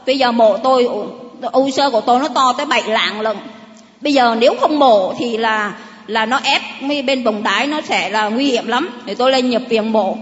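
A middle-aged woman with a Southern Vietnamese accent tells her faith story to a congregation in a high voice, circling back and restarting her sentences. The sound is dull and muffled, and her words ring out with the long reverb of a church hall. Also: moderate pace. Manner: rambling, repetitive storytelling with many restarts. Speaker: churchgoer giving testimony. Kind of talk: personal faith testimony to a congregation.

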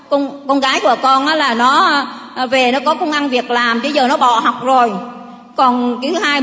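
A middle-aged woman with a Southern Vietnamese accent tells her faith story to a congregation in a high voice, circling back and restarting her sentences. The sound is dull and muffled, and her words ring out with the long reverb of a church hall. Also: fairly bright tone. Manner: rambling, repetitive storytelling with many restarts. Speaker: churchgoer giving testimony. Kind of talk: personal faith testimony to a congregation.

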